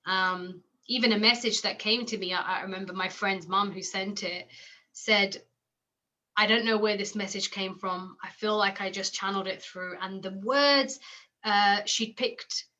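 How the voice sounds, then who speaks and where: A woman being interviewed, speaking reflectively and haltingly with many fillers and restarts. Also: medium pitch, steady tone, pushed and bright. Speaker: interview guest. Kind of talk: personal conversational interview. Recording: slightly dull lo-fi audio.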